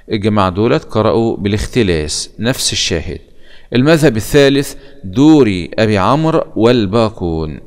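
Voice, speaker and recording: A man with an Egyptian accent teaching a lesson on Quranic readings, explaining in colloquial speech and chanting verse quotations slowly. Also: fairly low pitch, smooth.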